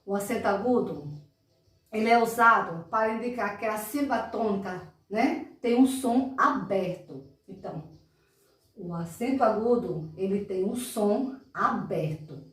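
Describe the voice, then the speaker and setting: A Brazilian woman teaching children in a recorded lesson, stretching out words and checking in often. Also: mid-range voice. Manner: drawn-out, emphatic enunciation of words, frequent "tá?" checks. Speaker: primary school teacher. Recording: echoey room, mic far off.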